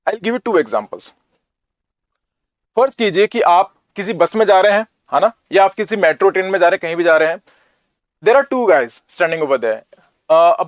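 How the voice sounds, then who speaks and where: A man's voice: high voice, no room sound. A man from North India lecturing as a teacher, talking in a conversational way and often asking rhetorical questions. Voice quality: Hindi mixed with English, conversational.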